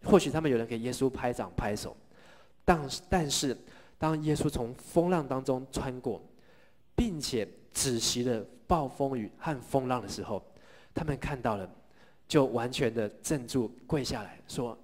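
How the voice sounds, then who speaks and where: A middle-aged male pastor delivers a sermon in a mid-pitched voice. He tells the story with lively energy, asks the congregation questions and leads them in call-and-response lines. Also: moderate pace.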